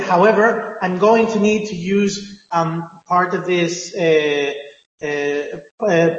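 Male lecturer, high-pitched, hesitant and stop-start while explaining a course, recorded in a very reverberant room. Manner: halting, hesitant delivery with frequent filled pauses and repeats. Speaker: university language teacher. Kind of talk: online lecture, improvised explanation. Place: indoor room, teaching a live online class. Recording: echoey reverberant room, muffled audio.

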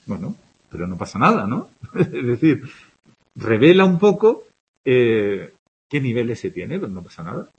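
A man's voice: medium pitch, big pitch swings, normal speed, creaky, husky, lo-fi sound. A man from Spain teaching a grammar lesson to a class, giving examples one after another and checking in with his students as he goes. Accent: Spanish from Spain. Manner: explains with examples, checks in with "¿de acuerdo?". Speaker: Spanish teacher.

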